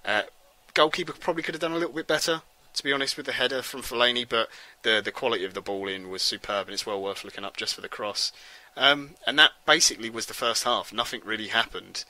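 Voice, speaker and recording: A man's voice: medium pitch, fast, sharp tone, poor audio. A man hosting a football podcast, talking through a match in a casual, rambling way with lots of ums and restarts. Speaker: podcast host.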